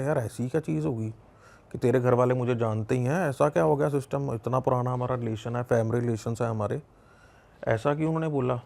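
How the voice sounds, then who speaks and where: A young man with a Punjabi accent tells a personal story in a relaxed, conversational way. His voice has a gravelly edge, and he keeps repeating phrases and voicing the other people in it. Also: mid-range voice. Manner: conversational, lots of repetition and quoted dialogue. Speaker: podcast guest. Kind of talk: casual storytelling.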